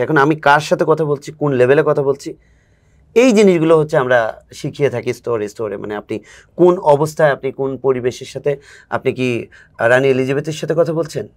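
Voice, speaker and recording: A man's voice: a little high, moderate pace, a little mellow. A man who coaches spoken English, a guest in a casual interview, explaining patiently and acting out examples.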